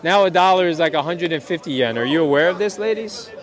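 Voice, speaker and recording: A man's voice: a little high, lively intonation, fast. A man from New York casually interviewing people on a city street, nodding along with short replies. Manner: casual, frequent short acknowledgements. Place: busy city street outdoors. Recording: noisy crowd around. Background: crowd chatter.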